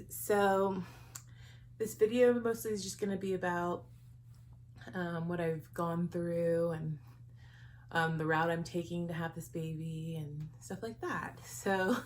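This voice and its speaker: A woman's voice: fairly low pitch, a little slow, a little hiss or hum. A young woman chatting casually in a vlog, a bit out of breath, giggling and saying um often. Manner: chatty, giggly, with many ums. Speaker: vlogger.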